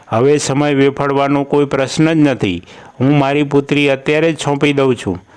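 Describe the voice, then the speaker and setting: A man's voice: medium pitch, smooth, lightly acted. A man voicing an eager, generous middle-aged friend in a storybook tale, speaking in a reassuring way.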